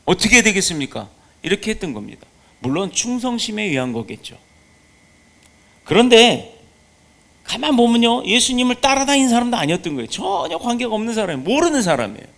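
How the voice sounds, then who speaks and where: A man delivers a sermon as pastor, with a voice pitched high for a man. He speaks with emphasis and keeps putting rhetorical questions to his congregation. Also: big pitch swings, brisk, vocal fry, fairly bright tone.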